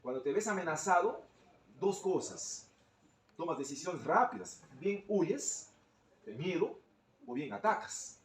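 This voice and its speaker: A man's voice: sits high, expressive, a little slow, reverberant, far from the mic, a little hiss or hum, low-quality recording. A male teacher speaking up in a training session, explaining things at length and often ending phrases with a tag question.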